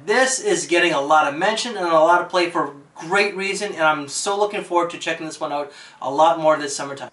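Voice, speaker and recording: An enthusiastic man talks through his favorite fragrances in a relaxed, chatty vlog. His voice sits high and sounds bright. The room around him rings with noticeable echo. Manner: enthusiastic, chatty, lots of fillers. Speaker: fragrance reviewer. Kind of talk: casual video review.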